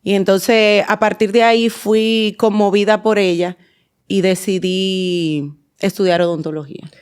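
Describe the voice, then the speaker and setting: Dominican woman, forties, podcast guest, clear smooth voice, mid pitch, chatty storytelling with restarts. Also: flat delivery, measured pace. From Dominican Republic. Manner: warm storytelling with many fillers and restarts. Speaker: guest, endodontist and dental teacher. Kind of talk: podcast interview.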